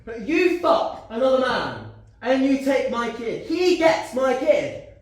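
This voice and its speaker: A young man plays a bitter husband who shouts and sneers in a high, swinging voice. It is picked up from far off on a very echoey stage. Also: big pitch swings, slow pace, heavily acted. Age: young adult. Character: bitter furious male husband, Ed. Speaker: student actor. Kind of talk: live stage acting. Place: theatre stage.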